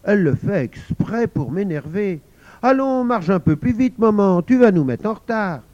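A high, lively little-girl voice, bossy and sensible, coaxing her mother along in a read-aloud storybook, as a male narrator puts her on. Her pitch leaps up and down with animated sing-song, and the recording is dull and lo-fi. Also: normal speed, no echo. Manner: coaxing, scolding gently.

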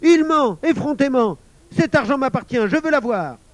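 A man voicing an angry boy who has been robbed, his voice shrill and near tears. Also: brisk, no echo. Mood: indignant.

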